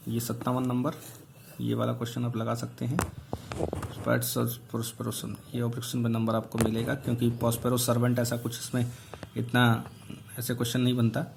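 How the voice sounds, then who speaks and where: A male English teacher going through exam questions one by one, reading each aloud slowly and explaining the answers. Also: mid-range voice, monotone, vocal fry, background noise. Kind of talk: online exam answer review.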